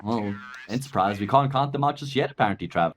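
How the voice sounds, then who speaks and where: A man casting esports live with animated commentary and casual, joking banter. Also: on the low side, fast talker, slight background noise. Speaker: esports caster. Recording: game gunfire and clicks throughout. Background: video game gunfire and clicks.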